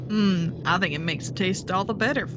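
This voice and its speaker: A woman's voice: fairly low pitch, normal speed, natural voice. A woman voicing a dry, prickly skeleton outlaw in a tabletop game, hesitant and sardonic. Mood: affable. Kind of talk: tabletop role-play. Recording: noticeable background noise.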